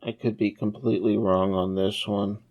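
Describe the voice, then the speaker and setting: A man's voice: lowish voice, level tone, normal speed, lo-fi sound. A man co-hosting a podcast, joking and musing in casual chat. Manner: jokey, rambling musings. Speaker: podcast co-host and contestant.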